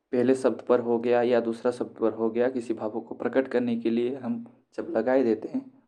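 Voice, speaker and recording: A man with an Indian accent teaching Hindi grammar to students, explaining slowly and repeating key terms. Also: mid-range voice, mellow.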